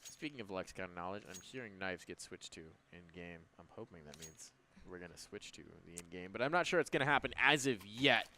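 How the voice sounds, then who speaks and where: A man doing live play-by-play commentary on an esports match, energetic and jokey. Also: deep voice, fairly quick, few pauses, slight background noise. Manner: energetic, jokey, hypes up big plays. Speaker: esports caster.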